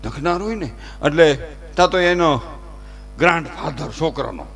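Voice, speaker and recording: A man telling humorous folk stories to a live audience, animated and preachy, acting out characters as he goes. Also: a little high, normal speed, creaky, soft background music. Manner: animated, acts out characters and preaches with raised emphasis. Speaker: folk storyteller at a dayro.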